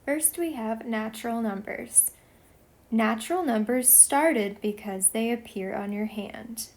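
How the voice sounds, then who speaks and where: A woman teacher from Texas gives a slow, step-by-step lesson narration over a whiteboard video, explaining with patience. She speaks at a measured pace in a slightly high, creaky voice with a darkish tone.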